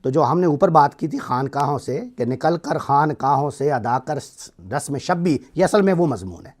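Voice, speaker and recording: A man's voice: on the high side, lively intonation. A middle-aged man with a Pakistani accent teaching a class, explaining step by step and checking that his students follow. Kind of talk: classroom lecture.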